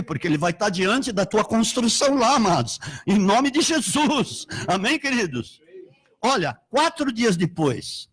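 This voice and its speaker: Brazilian pastor with a high, husky voice, preaching with fervor and big swings between shouting and murmuring. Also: male voice. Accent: Brazilian Portuguese. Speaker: apostle and pastor. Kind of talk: Pentecostal sermon.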